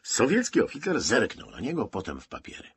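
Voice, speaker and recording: A man narrating an audiobook in an expressive, dramatic reading. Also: medium pitch, fairly quick, slight background noise.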